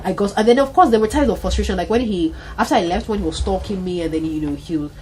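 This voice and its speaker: A woman in her thirties with a Nigerian accent, telling lively stories in a casual talk-show conversation and acting out voices. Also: medium pitch, fast, a little hiss or hum, poor audio. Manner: animated storyteller, acts out voices, laughs often.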